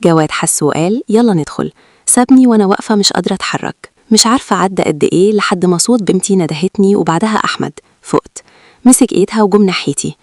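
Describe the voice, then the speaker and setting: A woman with an Egyptian Arabic accent narrating a first-person story in a quick, even reading. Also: medium pitch, no room sound, clean studio sound.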